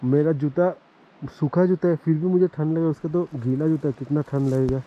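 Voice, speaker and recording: A man with a higher-pitched, fairly even voice narrates his motorcycle trip at a moderate pace on mountain roads outdoors. It's a loose, chatty travel vlog packed with fillers, and the audio is dull with a slight hiss or hum.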